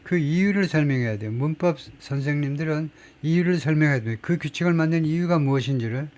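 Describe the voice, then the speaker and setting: A man's voice: on the high side, fast talker, darkish tone. A middle-aged man teaching English grammar in an emphatic, explanatory lecture, reading English example sentences aloud.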